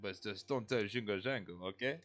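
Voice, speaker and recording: A man's voice: on the low side, brisk, fairly bright tone, faint music behind, close to an everyday voice. A man voicing a large, jubilant talking tree in a tabletop game, exclaiming effusively with French phrases. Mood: grateful, kindly. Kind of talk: tabletop role-play character voice.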